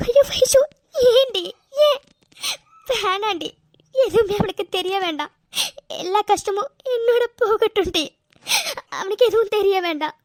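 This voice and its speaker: A woman voicing a gentle, self-blaming young woman in a cartoon, crying and pleading in a very high, soft voice. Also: expressive, brisk, no echo, clean studio sound. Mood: tearful. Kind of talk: cartoon voice acting.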